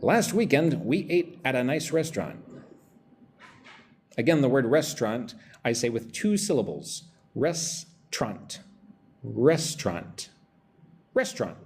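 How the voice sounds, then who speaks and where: A man's voice: mid-range voice, very animated, unhurried, pauses often, a little mellow. A man teaching English pronunciation on a live stream, talking with energy and reading out viewers' chat messages.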